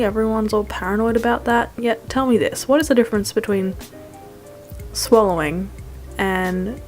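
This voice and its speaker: Over music, a young food vlogger narrates a casual voice-over, rambling in a wry, self-deprecating way with slangy phrasing. Her voice is mid-range with a darkish tone.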